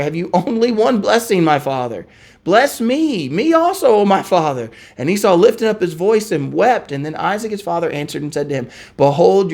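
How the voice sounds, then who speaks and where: A man with a fairly high-pitched voice leads a relaxed Bible study as a pastor. He reads passages aloud, trips over a word now and then, and turns to his listeners with questions. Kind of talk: conversational Bible teaching.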